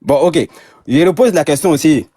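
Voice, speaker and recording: A man's voice: on the high side, moderate pace, warm tone, breathy edge, no echo, clean studio sound. A man from Ivory Coast, a caller in a heated online debate, who stumbles and repeats words as he argues. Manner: hesitant, repeats words, gets defensive.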